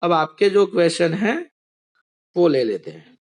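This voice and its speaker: Slow, high-voiced male teacher. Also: sing-song. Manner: patient, step-by-step explaining. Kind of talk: online class lesson.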